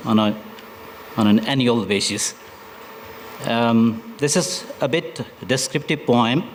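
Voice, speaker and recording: A man from Nepal, a poet reading his poems at a literature festival, slow and deliberate, with hesitant asides between poems. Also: medium pitch, slight background noise, low-quality recording. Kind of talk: poetry recitation with spoken introductions.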